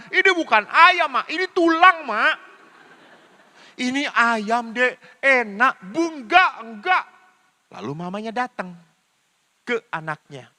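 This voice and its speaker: Older man, priest, bright high voice, playful storytelling sermon, long hall reverb. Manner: storytelling, mimics dialogue with voice changes. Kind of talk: humorous sermon with acted anecdotes.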